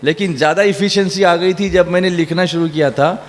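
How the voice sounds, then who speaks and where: A middle-aged man with a high voice gives a religious lesson to children. He keeps asking them questions and drills the answers back. He is recorded in a reverberant hall with a faint hum underneath. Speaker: Quran teacher.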